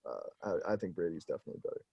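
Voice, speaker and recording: A man's voice: low voice, animated, very fast, vocal fry, slightly rough, no room sound, lo-fi sound. A man co-hosting a podcast who gives laid-back, offhand opinions in casual sports chat. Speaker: podcast co-host.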